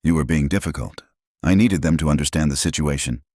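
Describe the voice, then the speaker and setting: A man's voice: very deep voice, brisk, a little mellow, dry recording. A man voicing a pushy, resentful grown daughter who pressures her father, in a dry close recording. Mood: pushy, upset. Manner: insistent, pressuring.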